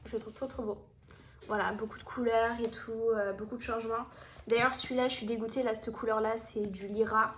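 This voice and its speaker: A woman's voice: on the high side, steady tone, fairly quick, a bit bright, a little hiss or hum. A woman chatting casually to camera about her finished coloring pages, with many fillers and restarts. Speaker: coloring hobby vlogger.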